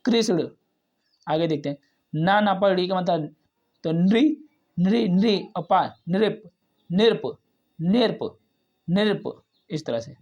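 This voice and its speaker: A man's voice: sits high, slow, long pauses, a little mellow. Patient man teaching Hindi reading. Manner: repeats each syllable and word several times, patient. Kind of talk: slow step-by-step reading lesson.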